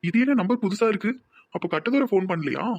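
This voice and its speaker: A man's voice: high-pitched, expressive, fast, vocal fry, no room sound, dull audio, heavily acted. A man voicing a lovestruck young village man in a cartoon, with a Tirunelveli Tamil accent, musing dreamily to himself.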